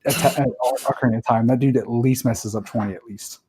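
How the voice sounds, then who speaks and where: A man's voice: medium pitch, fairly even intonation, quick pace, mellow, husky, poor audio. A man commentating a game race in casual chat, rambling with many restarts and fillers.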